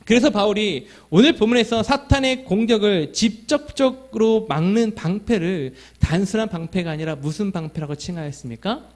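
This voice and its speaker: A man's voice: high voice, lively intonation, moderate pace, few pauses. A man as pastor, preaching a sermon with earnest rhetorical questions to the congregation and telling a story about his child. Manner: tells a family story and acts out his child's lines.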